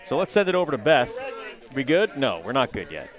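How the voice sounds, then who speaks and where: A man's voice: mid-range voice, wildly swooping pitch, a little fast. A man doing casual live play-by-play commentary on a sports event as a commentator.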